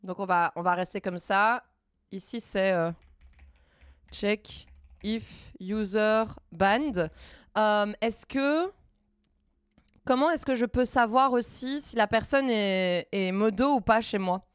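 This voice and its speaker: A woman streamer thinking aloud while coding live, hesitant and halting with many fillers and restarts. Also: mid-range voice, smooth, dry recording, clean studio sound.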